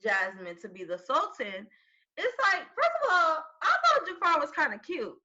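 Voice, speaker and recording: A woman's voice: high-pitched, wildly swooping pitch, moderate pace, sharp tone, highs cut off. A woman hosting a casual podcast chat, talking in a loose, slangy way with joking asides. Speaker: podcast host.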